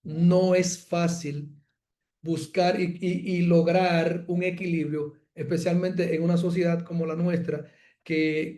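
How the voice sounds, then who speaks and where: A man's voice: a little high, a little mellow. A man, a pastor giving an earnest teaching talk on parenting, often repeating words as he works out his point. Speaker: pastor teaching a Bible course.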